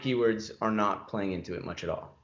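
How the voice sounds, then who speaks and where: A man's voice: fairly low pitch, fairly quick. Curious male podcast host, roomy sound. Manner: curious, asks questions, agreeable. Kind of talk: casual interview chat. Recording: roomy, dull lo-fi audio.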